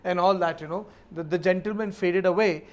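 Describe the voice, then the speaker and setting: A man's voice: sits high, steady tone, brisk. Man commenting on a news panel.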